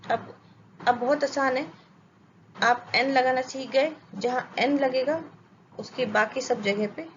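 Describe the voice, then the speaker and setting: Slowly and with frequent pauses, a high-voiced woman with an Indian accent delivers an English grammar lesson. She asks and answers her own questions and checks her students follow, recorded in dull lo-fi sound with faint ambience and a little hiss or hum.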